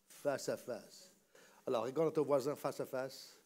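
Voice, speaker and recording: A man's voice: mid-range voice, unhurried, mellow. A man preaching a sermon in a church, teaching word by word and having the congregation repeat after him in call-and-response. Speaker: pastor.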